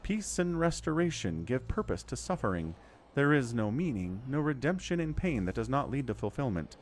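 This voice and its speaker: A solemn goddess, as a male player reads her out in a fantasy game. The voice is lifted higher, with lively swoops and a lofty storytelling manner. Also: moderate pace, a little hiss or hum, lightly acted. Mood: lofty, consoling. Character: grave goddess speaking through birds, read aloud. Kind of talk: dramatic reading of game text.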